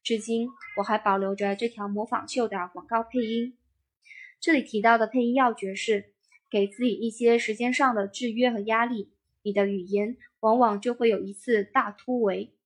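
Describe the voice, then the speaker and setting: A woman with a fairly high voice reads a first-person career memoir aloud. Her delivery is steady and even, a calm narrator's read. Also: normal speed.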